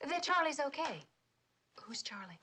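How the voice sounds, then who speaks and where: An actress playing a scatterbrained, chirpy receptionist in a 1970s TV crime drama. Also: female voice, high-pitched, sing-song, moderate pace, sharp tone, slight background noise, heavily acted.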